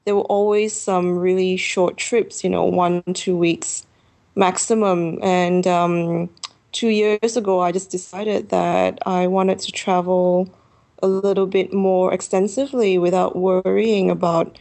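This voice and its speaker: Woman, 30s, from Malaysia, travel author, slow halting delivery, frequent fillers. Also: on the low side, level tone, creaky, mellow. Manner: hesitant, many pauses and fillers. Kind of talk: interview answers. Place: her apartment.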